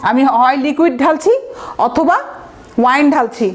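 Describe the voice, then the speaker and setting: A woman with a high voice giving a vocabulary lecture for exam preparation. She walks through each word step by step and spells it out letter by letter. She keeps asking the class rhetorical questions, with the odd filler. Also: normal speed. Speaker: vocabulary teacher.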